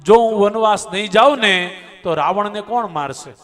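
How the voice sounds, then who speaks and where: A man voicing a calm, resolute divine prince in a retold scripture story, earnest and reassuring. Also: high-pitched, moderate pace.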